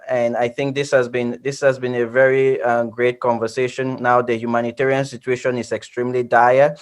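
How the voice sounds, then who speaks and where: Flat-voiced male moderator. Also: mid-range voice, smooth. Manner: flat, halting with many fillers. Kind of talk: closing remarks of panel.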